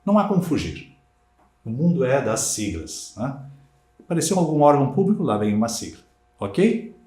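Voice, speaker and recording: A man from Brazil teaching Portuguese in a recorded exam-prep lecture, with lively, emphatic delivery and frequent rhetorical tags. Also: mid-range voice, normal speed. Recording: echoey room.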